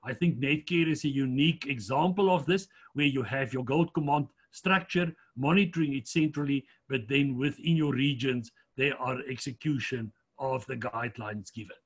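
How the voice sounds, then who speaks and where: A man presenting slides in a lecture, measured but fairly quick, with frequent fillers. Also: mid-range voice, slightly rough.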